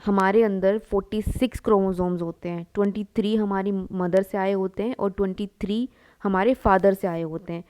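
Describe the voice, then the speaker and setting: Young female biology tutor with a warm, mellow voice, using a question-and-answer drill while drawing on the board. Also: medium pitch, fairly even intonation, normal speed. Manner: asks students questions and answers them herself; calls listeners "beta" and mixes English into the talk. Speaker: biology teacher. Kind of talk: classroom lecture while drawing.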